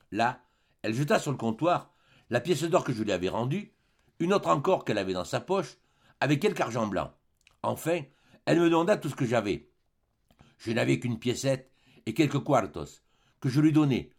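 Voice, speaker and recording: A man reading a classic novel aloud as a volunteer audiobook narrator, telling it expressively. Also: mid-range voice. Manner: expressive storytelling. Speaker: audiobook reader. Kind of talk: scripted narration.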